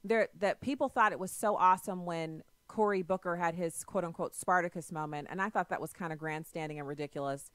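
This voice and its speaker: A radio talk show host with a voice on the low side takes on a caller in her political call-in program, asking pointed questions in an assertive, argumentative manner. The recording is dry.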